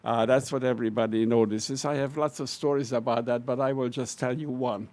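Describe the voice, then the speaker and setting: Speaking a little fast in a mid-range, darkish voice with fairly level intonation, a retiring Hungarian professor reminisces before a lecture audience. His Hungarian-accented stories about his life are wry and self-deprecating.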